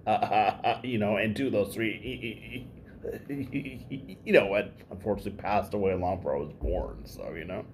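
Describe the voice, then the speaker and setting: A man's voice: on the low side, moderate pace, a little mellow, slight background noise. A man hosting a podcast interview, speaking with a heavy stutter, repeated sounds and many fillers. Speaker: podcast host. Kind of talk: conversational interview.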